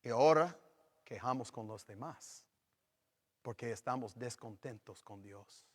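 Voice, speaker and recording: A middle-aged man preaching a sermon as pastor, talking slowly and rising suddenly to loud acted quotes. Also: medium pitch. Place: church sanctuary. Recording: long reverb of a church hall.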